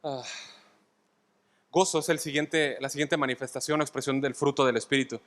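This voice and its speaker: A man's voice: medium pitch, steady tone, a little fast, fairly bright tone. A man with a Mexican accent, a pastor giving an expository sermon, often checking in with the congregation and repeating his points for emphasis. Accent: Mexican Spanish. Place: church sanctuary. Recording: long hall reverb.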